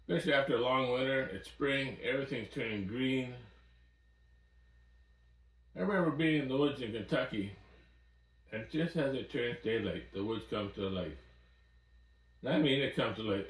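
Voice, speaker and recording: A man's voice: mid-range voice, recorded from a distance. A man in his sixties, an outdoors vlogger, chatting to the camera in an easygoing, folksy storytelling way, indoors in a small cabin. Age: 60s. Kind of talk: casual chat to camera. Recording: roomy sound from off-mic.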